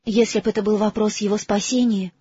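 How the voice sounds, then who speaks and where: A man voicing a clever, bossy teenage girl in an audiobook, brisk and earnest. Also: sits high, level tone, mellow, slightly rough, pitched above the performer's own voice. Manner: brisk, earnest, a little lecturing. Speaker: audiobook character voice. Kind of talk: audiobook character reading. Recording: slightly dull, dry recording.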